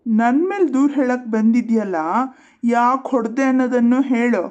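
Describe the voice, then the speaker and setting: A woman voicing a caring boy who calmly but firmly defends his little sister in a cartoon. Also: on the high side, normal speed, lo-fi sound, natural voice. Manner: calm, firm. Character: protective boy, caring older brother.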